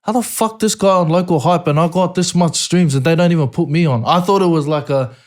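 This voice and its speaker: A guest rapper from American Samoa talks in a casual interview, laid-back and swearing a lot, now and then breaking into laughing excitement. His voice sits fairly high and he speaks a little fast.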